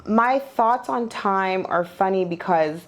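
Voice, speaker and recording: A woman's voice: medium pitch, slow pace. A woman in her forties from Nigeria, a podcast guest speaking candidly and reflectively at home, with a loose, open way of talking. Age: 40s. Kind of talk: candid personal conversation.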